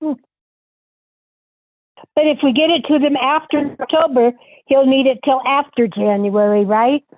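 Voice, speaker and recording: A woman's voice: sits high, fairly even intonation, a little slow, pauses often, no echo. A woman calling into a committee meeting to ask a question, her voice coming through a garbled, staticky connection that keeps breaking up. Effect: garbled, staticky call connection breaking up. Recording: dry, tinny remote call line.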